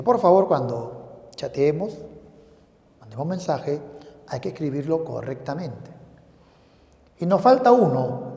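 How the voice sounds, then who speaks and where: High-voiced male teacher in an echoey hall. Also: a little mellow. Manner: asks and answers his own students' questions, repeats key phrases. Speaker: language teacher. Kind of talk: classroom grammar lesson. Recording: roomy hall reverb.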